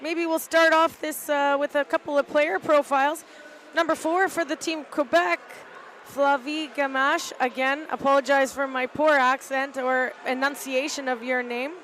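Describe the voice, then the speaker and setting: A middle-aged woman giving casual, halting live play-by-play commentary from an arena balcony, with lots of "uh" fillers. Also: high-pitched, fairly bright tone, a little hiss or hum, poor audio. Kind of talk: live amateur sports commentary. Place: arena balcony above the rink.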